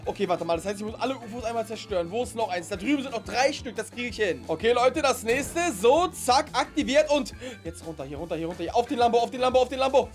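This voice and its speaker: A young man giving excitable, chatty let's-play commentary as a gaming video host. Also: very high-pitched, quick pace, hardly any pauses, faint music behind. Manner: energetic, exclaiming and chatty. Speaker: gaming YouTuber.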